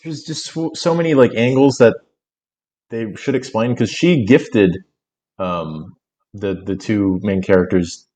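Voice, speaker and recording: A man's voice: fairly low pitch, unhurried, dark tone. A man co-hosting a film podcast in casual chat, rambling with lots of fillers and frequent laughter. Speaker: podcast co-host.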